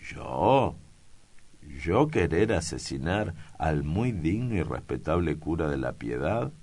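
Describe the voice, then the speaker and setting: A man's voice: a bass voice, sing-song, slow pace, a little mellow, exaggerated voice. A man voicing a timid old male secretary who speaks in ornate, obsequious phrases. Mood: fussy.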